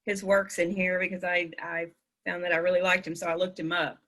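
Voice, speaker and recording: A woman student speaks up in an online class over a video call. Her voice is bright and sharp. She talks in a loose, chatty way with plenty of fillers. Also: lowish voice, flat delivery, a little fast. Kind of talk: casual class discussion.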